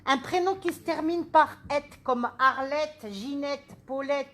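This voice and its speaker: A woman medium giving a live reading, her voice sitting fairly high. She keeps asking questions and talks in an animated way, coming back again and again to the same phrases. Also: a little slow. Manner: animated, questioning, repeats "on me le donne".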